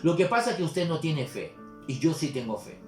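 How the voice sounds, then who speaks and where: A man's voice: fairly high pitch, big pitch swings, a little fast. A male preacher voicing an insistent woman churchgoer who is sure of her faith, in an echoey room with faint music. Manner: insistent, self-assured.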